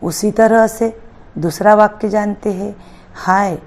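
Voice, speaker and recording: A woman's voice: medium pitch, expressive, a little mellow. A woman teaching a grammar lesson, explaining step by step and reading out example sentences. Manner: slow, careful, step-by-step explanation.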